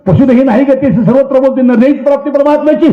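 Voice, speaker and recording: A man delivers an emphatic devotional sermon, pressing his points with insistent repetition. His voice sits very high for a man. It rings around a roomy hall and comes through a dull, muffled recording. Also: fast talker. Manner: emphatic, preaching with rising and falling intensity. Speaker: preacher. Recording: roomy, dull low-fidelity sound.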